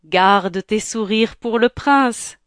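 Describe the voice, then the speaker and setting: Gentle fairy godmother, voiced by a woman. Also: medium pitch, dry recording, clean studio sound, lightly acted. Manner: gentle, measured, admonishing. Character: kind fairy godmother, warm and firm.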